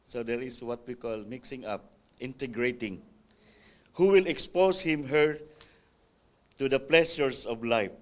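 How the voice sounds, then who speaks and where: A man's voice: mid-range voice, unhurried, pauses often. Man reading aloud, adding asides. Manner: reads a text aloud, adding spontaneous comments and checks like "right?"; occasional hesitations and restarts. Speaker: Sabbath school speaker. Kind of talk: church class talk, reading with asides.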